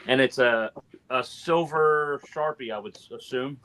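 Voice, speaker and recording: A man co-hosting a casual reselling live show, agreeable and quick to chime in. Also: mid-range voice, sharp tone. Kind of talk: casual group chat.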